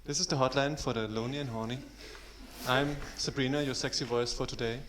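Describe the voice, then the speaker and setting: An actor playing a seductive phone-sex hotline operator, with a murmured, purring delivery in a live music-theatre show. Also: male voice, medium pitch, steady tone, a little fast, fairly bright tone, close to an everyday voice. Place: theatre stage. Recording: distant voice over ambient room noise.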